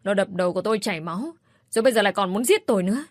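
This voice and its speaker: A woman's voice: medium pitch, expressive, moderate pace, dry recording, clean studio sound, close to an everyday voice. A woman voicing a brutal, drunken older father who sneers and bellows abuse. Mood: wailing loudly. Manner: abusive, sneering, shouting.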